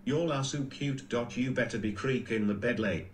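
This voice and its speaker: A man's voice: medium pitch, normal speed. A synthetic male text-to-speech voice reading out stream donation messages. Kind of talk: flat read-out of stream messages. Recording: echoey speaker playback with faint noise.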